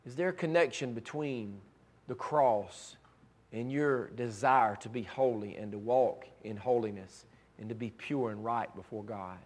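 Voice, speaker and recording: A pastor delivers a sermon in a mid-range voice made raspy by cheering at ball games and by allergies. He speaks a little slowly, fervently building toward emphatic, repeated lines.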